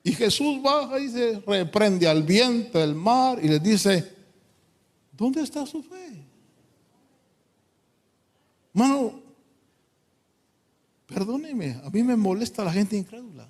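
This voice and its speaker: A man preaching a sermon in church, fervent, swinging from quiet asides to loud pleading. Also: high voice, animated, measured pace. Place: church hall. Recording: long hall reverb.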